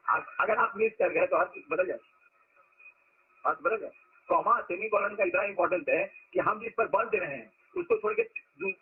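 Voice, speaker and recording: Very husky high-voiced man. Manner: storytelling, stresses words to make a point. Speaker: spiritual teacher. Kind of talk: spiritual discourse to followers. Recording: lo-fi phone-like recording.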